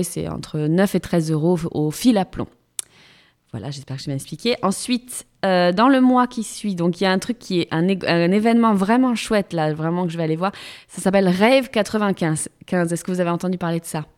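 A woman's voice: fairly low pitch, a little mellow. A woman in her thirties from France, a radio theatre columnist chatting casually with many fillers and restarts. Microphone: studio microphone.

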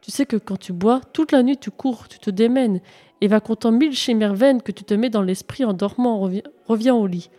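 A woman voicing a young man who calmly scolds his friend in a verse tale. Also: on the high side, a little fast, close to an everyday voice. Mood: chiding. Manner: chiding, matter-of-fact.

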